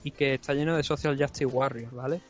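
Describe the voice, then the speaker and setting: A man's voice: mid-range voice, steady tone, brisk, lo-fi sound. A man hosting a casual sports chat, rambling with many restarts. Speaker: podcast co-host.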